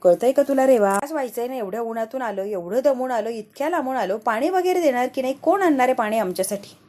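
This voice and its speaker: A stern old grandmother who lectures and scolds, as a woman reads her part in a recap. The voice is mellow and slightly high, with little change from the reader's own. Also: animated, fast, natural voice. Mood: scolding.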